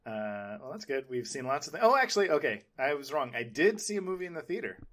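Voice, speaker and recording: A podcast host talks casually about film and TV in a rambling, hesitant way. His medium-pitched, somewhat bright voice moves fast with big pitch swings.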